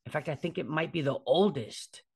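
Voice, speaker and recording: This fitness trainer in his forties has a slightly high, brisk voice with vocal fry and a breathy edge. Hosting his own podcast solo, he chats informally and keeps asking "right?" to check in with listeners.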